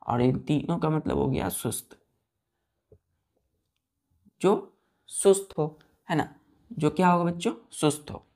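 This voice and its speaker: A woman's voice: sits low, animated, slow pace, long pauses, a little mellow. A woman with an Indian accent teaching English vocabulary, spelling each word letter by letter and repeating questions to her students. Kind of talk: classroom vocabulary lesson.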